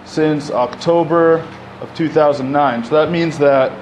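A man's voice: on the high side, fairly even intonation, measured pace, darkish tone, a little hiss or hum. A man in his thirties, originally from Egypt, speaks at a podium in a community center hall, talking conversationally with lots of fillers and restarts. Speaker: panel speaker. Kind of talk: public talk at a podium. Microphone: podium microphone.

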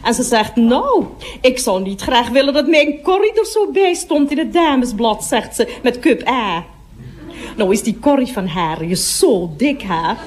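A woman's voice: a little high, expressive, a little slow. An actress playing a gossipy middle-aged woman toilet attendant in a radio comedy monologue, chattering on and breaking off to speak to customers.

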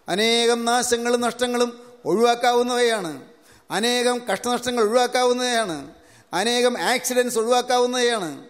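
A man preaching with a strikingly high voice that rings out in a hall with a long reverb. He repeats each scripture phrase at a slow, deliberate pace, then drives his point home with steady repetition. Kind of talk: sermon.

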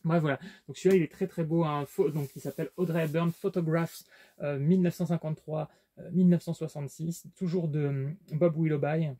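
Hesitant French man, dark husky voice. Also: a little high, steady tone, a little fast. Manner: hesitant, many fillers and restarts. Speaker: collector showing his purchases. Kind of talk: casual unboxing vlog chat.

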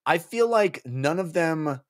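A man in his forties co-hosts a book club podcast, discussing books casually and emphatically from a small home office, close to a podcast mic on a boom arm. His voice is a little high with lively intonation, he takes it slowly, and the recording is dry.

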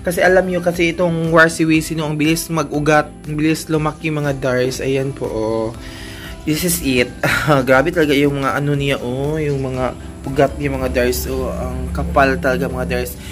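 A woman's voice: a bass voice, steady tone, moderate pace, soft background music. A woman chatting casually to her viewers as a plant vlogger, giggling often as she talks. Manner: chatty, warm address to viewers, frequent giggles. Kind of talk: casual chat. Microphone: clip or handheld mic in later part.

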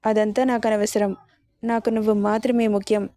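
A woman's voice: medium pitch, flat delivery, normal speed, warm tone, no room sound, studio quality, close to an everyday voice. A woman voicing a possessive, angry young husband who talks curtly and gives orders. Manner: curt and commanding.

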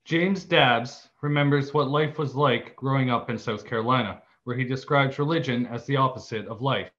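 A man's voice: mid-range voice, moderate pace, a bit bright. A man minister giving a sermon in a storytelling, read-aloud manner, now and then correcting himself. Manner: storytelling, reading aloud with small self-corrections. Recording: slightly dull lo-fi church recording.

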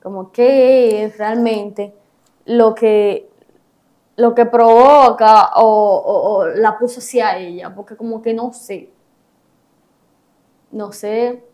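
A woman's voice: on the high side, steady tone, slow pace, pauses often, mellow. A young woman, telling her story as an interview guest, hesitant and repeating herself.

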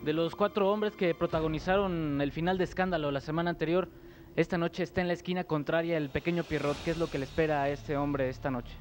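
High-voiced young Mexican wrestling commentator man. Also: fairly even intonation, fast. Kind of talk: lucha libre commentary. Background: loud music.

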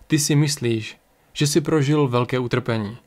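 A man voicing a calm, stern, mysterious card reader who speaks gravely and evenly. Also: medium pitch, close to an everyday voice.

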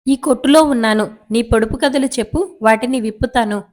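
A woman's voice: a little high, fairly quick, darkish tone, close to an everyday voice. A woman voicing a bold young husband in a folk tale, calling out defiantly in a raised voice.

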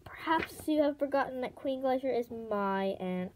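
A woman's voice: high-pitched, animated, moderate pace, darkish tone, slight background noise, low-quality recording. A woman voicing a proud, prickly young male ice dragon who talks in a demanding, grumpy way. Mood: haughty.

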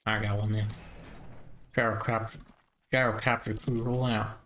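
A man chatting casually while playing a multiplayer game, relaxed and bantering. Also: lowish voice, moderate pace, a little hiss or hum. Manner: laid-back banter, laughs a lot. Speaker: gamer. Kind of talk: casual multiplayer gameplay chat.

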